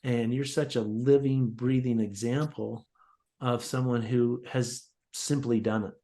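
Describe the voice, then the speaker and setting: A man's voice: mid-range voice, fairly even intonation, measured pace, dark tone. A man co-hosting a money podcast, introducing his guest in an upbeat, enthusiastic way with some fillers. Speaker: podcast co-host.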